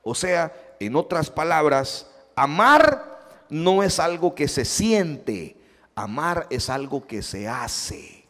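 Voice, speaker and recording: A man's voice: on the high side, very animated, slow pace, a bit bright, big-room sound. A man, a pastor with a Salvadoran Spanish accent, preaching a sermon and acting out the dialogue of his stories. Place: church sanctuary.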